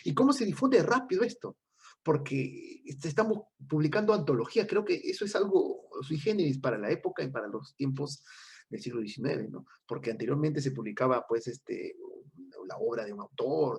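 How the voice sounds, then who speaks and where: A man with a gravelly, husky voice talks through literary history in a relaxed discussion. He explains at length and keeps checking in with his partner through tag questions. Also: mid-range voice. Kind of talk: casual cultural discussion.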